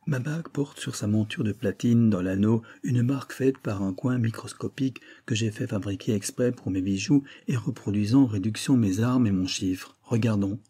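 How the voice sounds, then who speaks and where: A man's voice: on the low side, normal speed, hardly any pauses, warm tone, husky. A man reading an audiobook voices a wealthy young widow, a countess, with a pleading, emotional manner. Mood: eager. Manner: pleading, breathless, tearful.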